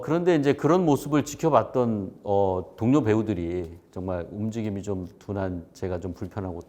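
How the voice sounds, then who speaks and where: A man in his fifties, an actor and acting teacher, telling his personal story in an expressive talk. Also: lowish voice. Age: 50s. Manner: expressive, acts out quoted voices.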